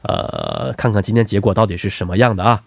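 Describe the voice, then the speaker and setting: A man's voice: on the low side, huge pitch swings, fairly quick, creaky, no echo. A man hosting a quiz show in a chatty, teasing way, talkative and often adding tag questions.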